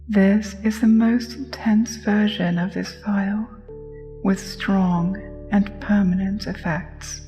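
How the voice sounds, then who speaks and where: Slow, mellow woman guiding hypnosis. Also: mid-range voice, steady tone, long reverb tail. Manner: soft, soothing, measured delivery. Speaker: hypnosis narrator. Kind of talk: scripted guided hypnosis narration. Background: music.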